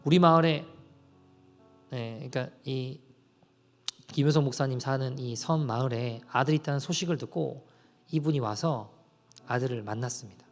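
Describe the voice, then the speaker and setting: A man's voice: mid-range voice, moderate pace, pauses often. A man preaching a sermon as pastor at a Friday church service. He tells a story earnestly, then builds into fervent appeals to the congregation. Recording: reverberant church hall with soft instrumental music behind.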